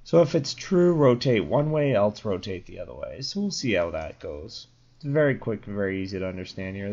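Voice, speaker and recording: This programming tutorial host is a young man whose low, darkish voice sounds a bit crackly from a sore throat. In a rambling screen-recorded tutorial, he explains code casually, full of fillers and self-corrections, captured on a dull lo-fi mic.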